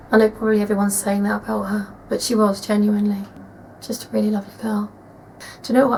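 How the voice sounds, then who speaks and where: A woman playing a sorrowful acquaintance in a mock-documentary interview, speaking gently and haltingly. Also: medium pitch, a little hiss or hum, natural voice. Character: sorrowful woman remembering a lovely missing girl.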